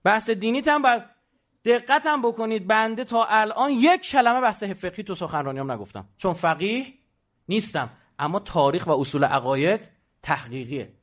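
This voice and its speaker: A man giving an animated religious lecture, emphatic and rhetorical, now and then mimicking the voices of others. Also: sits high, highs cut off.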